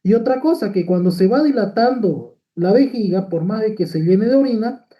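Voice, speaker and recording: A man's voice: high voice, lively intonation, normal speed. A man teaches a medical class, walking through a slide point by point. He checks in with frequent tag questions and fillers as he explains. The audio sounds slightly dull, as if through a modest mic. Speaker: medical lecturer. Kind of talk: lecture with slides.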